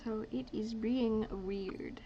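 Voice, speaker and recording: Muttering asides as she paints, a Dutch-native streamer in her twenties rambles casually in a high but creaky, dark voice, speaking slowly with a steady tone. Her stream sound is dull and lo-fi, with a little hiss or hum and faint ambience.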